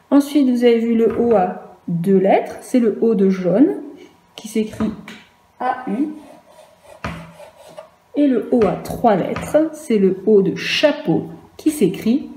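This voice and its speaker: A woman's voice: on the high side, dark tone. A woman teaching phonics to young children in a remote lesson, spelling out letters one at a time with patience. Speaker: primary school teacher. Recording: echoey room with faint noise.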